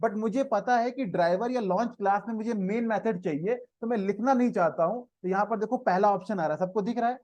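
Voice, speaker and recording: Speaking fast with hardly any pauses, a man with a high but darkish-toned voice runs a live coding lesson. He has an Indian accent, blends Hindi with English, and keeps checking in with the class, all captured in dry, slightly dull online audio.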